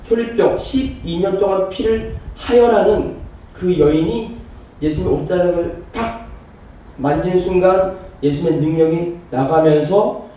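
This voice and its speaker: High-voiced preacher in an echoey church. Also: male voice, a little slow, dark tone, a little hiss or hum. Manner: storytelling preacher who voices the people in the story. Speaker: pastor. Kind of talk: sermon. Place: church sanctuary. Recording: very echoey church hall from a distance.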